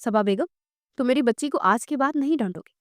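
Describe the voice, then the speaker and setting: A woman's voice: on the high side, expressive, brisk, no echo, clean studio sound, natural voice. A woman voicing a doting middle-aged father who indulges his daughters. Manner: affectionate, indulgent.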